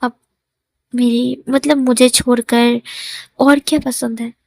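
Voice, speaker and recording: A teasing, playful young man in love, read by a woman storyteller. The voice sits fairly high, light and quick to rise when he is caught off guard. It is recorded dry, with no room around it. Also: level tone, gravelly, darkish tone, dry recording, exaggerated voice. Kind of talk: storytelling in Hindi.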